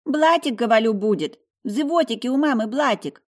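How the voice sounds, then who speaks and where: A woman's voice: fairly high pitch, lively intonation, fairly quick, voice pushed up. A woman voicing a cheeky little girl who lisps, heard a little off the mic. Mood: indignant. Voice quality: childish lisp.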